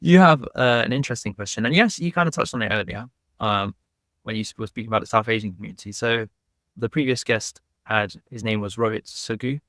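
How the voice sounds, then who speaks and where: A man with a low voice hosts a podcast interview. He puts questions to his guest in an easygoing, conversational way. The recording is close and dry. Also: a little fast, a bit bright, no echo. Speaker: podcast host.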